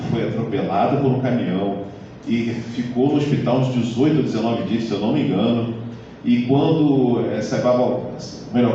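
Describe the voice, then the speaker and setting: A man lectures in a casual, conversational way, often checking in with his listeners through tag questions. His voice is mellow and dark, heard from a distance. The hall is very echoey and the sound is dull. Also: mid-range voice, a little hiss or hum. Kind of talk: live lecture to an audience. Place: lecture hall of a community center.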